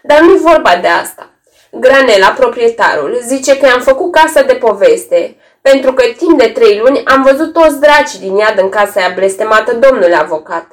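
A woman's voice: a little high, expressive, natural voice. A woman voicing a fearful, pleading middle-aged man who tells of his troubles in an agitated way.

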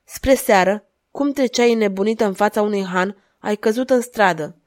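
A woman reading aloud and voicing a cold, relentless duchess who speaks in an insistent, measured way. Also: mid-range voice, lightly acted.

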